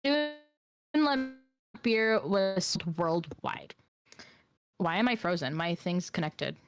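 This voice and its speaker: A woman's voice: on the low side, sing-song, slow, clean tone, no echo, clean studio sound. A young woman co-hosting a casual streamed podcast, reading history aloud and often breaking into giggles. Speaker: podcast co-host, history storyteller.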